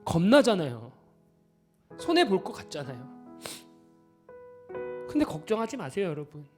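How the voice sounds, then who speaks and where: A man preaching a Sunday sermon as pastor, pressing his listeners with rhetorical questions, then turning quiet and choked up as he confesses a personal story. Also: high-pitched, wildly swooping pitch, normal speed, soft background music. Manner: fervent preaching with rhetorical questions, dropping to soft emotional confession.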